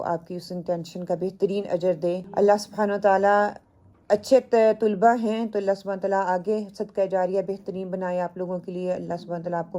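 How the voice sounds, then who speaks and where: Mellow-voiced woman teaching Quran lessons. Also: fairly low pitch. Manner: repeats word lists slowly, drilling students; opens with prayers and blessings. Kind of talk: Urdu language lesson mixed with English.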